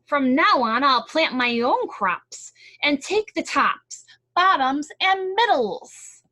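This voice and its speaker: A woman voicing a lazy, grumpy male bear for a picture-book read-aloud, indignant and hollering in slow, loud words. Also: sits high, expressive, voice pushed up, full character voice. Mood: angry hollering.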